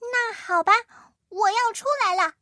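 Squeaky stubborn unborn baby. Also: female voice, measured pace, pushed and bright, no echo, clean studio sound, heavily acted. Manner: squeaky, pouting, whiny.

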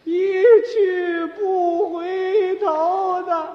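A man imitating a woman who wails fake grief at a funeral, drawing out her lament slowly in a sung-out cry. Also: very high voice, level tone, pitched above the performer's own voice, exaggerated voice. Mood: wailing. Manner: slow sung-out wailing lament. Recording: dull old hall recording with reverb.

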